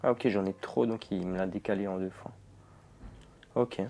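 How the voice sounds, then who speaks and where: A young man talks through a horror game, jumpy and quick to swear. His voice is low and mellow. Faint noise sits under the commentary. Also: fairly even intonation, gravelly. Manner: jumpy, swearing, talking to viewers. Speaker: gamer. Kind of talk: let's play commentary.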